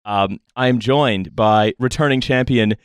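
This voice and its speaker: A man around thirty hosting a casual roundtable, talking in a wry, rambling, halting way. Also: medium pitch, clear, resonant tone, dry recording, studio quality. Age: late twenties to early thirties. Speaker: podcast host. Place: small studio, around a table.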